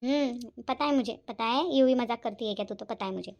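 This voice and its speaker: A woman's voice: fairly high pitch, fairly quick, vocal fry, darkish tone, dull audio, voice pushed down. A woman doing a bossy old mother-in-law. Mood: scolding. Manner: scolding, complaining. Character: bossy elderly mother-in-law, sharp-tongued. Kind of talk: cartoon voice acting.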